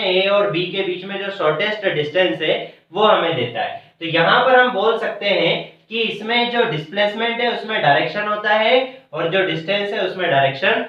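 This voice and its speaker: A man teaching a math class, explaining step by step and answering his own questions. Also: sits high. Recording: echoey room from far, dull lo-fi sound.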